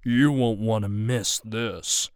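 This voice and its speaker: Man putting on a leering bald thug, low gloating drawl, slow, dry. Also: steady tone, clear, resonant tone, no echo.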